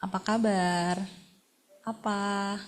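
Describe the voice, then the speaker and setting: A woman facilitating a sign language workshop calls out words one by one for participants to practice. She speaks very slowly in a steady tone at medium pitch.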